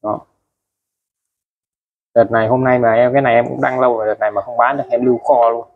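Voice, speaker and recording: A man's voice: medium pitch, little pitch movement, fast, narrow, tinny audio. A man showing used tools for sale in a casual way, chatty and repetitive, restating prices again and again. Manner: chatty, ends phrases with friendly particles. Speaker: used tool seller. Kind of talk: casual product showcase.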